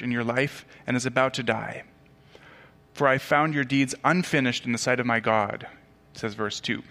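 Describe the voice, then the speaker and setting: A man who grew up in Tanzania preaches to his church, his tone bright and forceful. He keeps it conversational, slipping in asides and correcting himself as he goes. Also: medium pitch. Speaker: pastor. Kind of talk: sermon.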